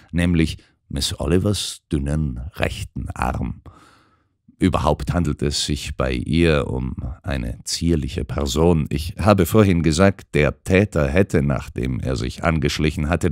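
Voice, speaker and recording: A man voicing a calm, shrewd gentleman detective who lays out his reasoning in measured, precise sentences, in an audiobook. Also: low voice, no room sound, studio quality. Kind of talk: audiobook character voice.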